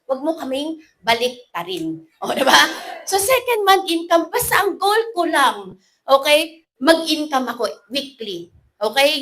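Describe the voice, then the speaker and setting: Filipino woman, 30s, high bright voice, animated motivational speaker, playful. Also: poor audio. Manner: lively, animated, playful, mixing English into Filipino. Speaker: motivational speaker at a business event. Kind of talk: motivational talk to an audience.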